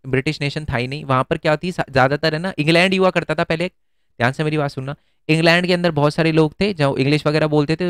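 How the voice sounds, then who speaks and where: A man's voice: a little high, clean tone, no echo, studio quality. A man teaching an exam-prep lesson in a casual, chatty way, often asking questions and answering them himself.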